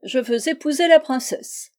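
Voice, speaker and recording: A woman's voice: high voice, moderate pace, darkish tone, pitched above the performer's own voice, natural voice. A woman reading a storybook, voicing a confident, charming young male gardener. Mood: assured.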